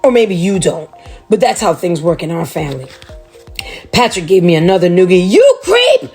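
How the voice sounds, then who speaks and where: A woman's voice: lowish voice, moderate pace, faint music behind. Chatty woman reading to kids. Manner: chatty, animated, talking to children. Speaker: children's book reader. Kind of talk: reading a chapter book aloud to kids.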